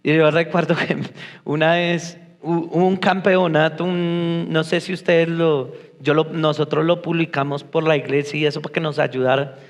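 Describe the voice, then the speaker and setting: A man's voice: fairly high pitch, flat delivery, normal speed. A man preaching a sermon, speaking straight to the congregation and telling personal stories. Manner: personal storytelling, addresses the congregation directly. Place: church hall. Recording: long echo of a church hall.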